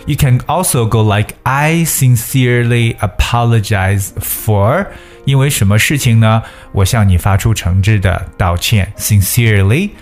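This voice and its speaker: A man with a fairly low voice teaches English phrases in a patient, explaining way. He repeats each phrase slowly so learners can practice it. Faint guitar music plays underneath. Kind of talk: bilingual English lesson.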